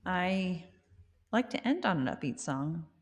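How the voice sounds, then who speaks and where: Slow-talking woman chatting with reverb. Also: lowish voice, sing-song. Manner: chatty, rambling, self-amused. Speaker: singer-songwriter hosting a livestream. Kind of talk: casual chat with live viewers.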